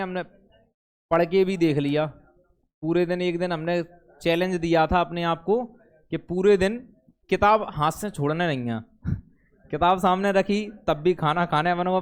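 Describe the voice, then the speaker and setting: A man's voice: high-pitched, moderate pace, clear, resonant tone. A male teacher from India, chatting and joking with his classroom students between reading aloud from the text.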